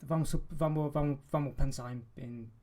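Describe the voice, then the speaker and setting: A man in his thirties from Manchester, speaking Portuguese with an English accent, a coach guest who talks haltingly and searches for words. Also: on the high side, fairly even intonation, dark tone. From England, Manchester. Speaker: guest, life and business coach. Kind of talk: casual podcast interview. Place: podcast studio in a farm-like setting.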